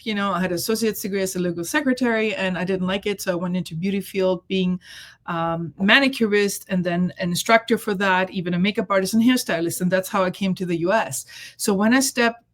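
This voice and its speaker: A woman's voice: mid-range voice, brisk. A middle-aged woman raised in Germany, a guest healer telling her story in a chatty, casual interview, laughing often and leaning on fillers. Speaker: guest, intuitive reader and healer.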